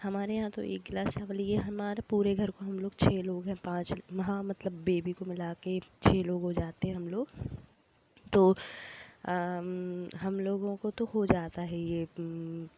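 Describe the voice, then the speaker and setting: A woman's voice: fairly low pitch, level tone, a little slow. Chatty young woman, slightly breathless. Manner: chatty, explains step by step, talks to viewers directly. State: slightly short of breath while talking. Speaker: home cooking vlogger. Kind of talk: casual voice-over narration of cooking. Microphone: voice-over recorded while editing. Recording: dull lo-fi audio with loud background noise.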